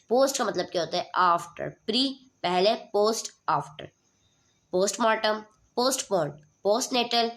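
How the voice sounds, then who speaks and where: A young woman giving a vocabulary lecture, mixing English words into Urdu and posing questions to her students before answering them. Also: mid-range voice. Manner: mixes English terms into Urdu, quizzes listeners with questions. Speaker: nursing lecturer.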